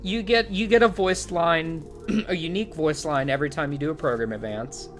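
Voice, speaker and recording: A man's voice: fairly high pitch, normal speed, soft background music. A man co-hosting a casual gaming podcast, complaining about games in a dry, wry way. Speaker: podcast co-host.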